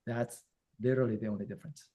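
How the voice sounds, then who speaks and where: A man's voice: mid-range voice, steady tone, fast talker, mellow. A man teaching Japanese over a video call. He explains grammar in a loose, casual way, with plenty of fillers along the way.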